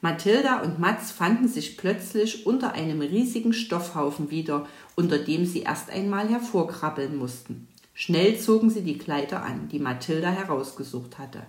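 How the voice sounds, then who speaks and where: A woman narrating a children's story calmly and evenly. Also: fairly low pitch, normal speed. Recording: roomy echo.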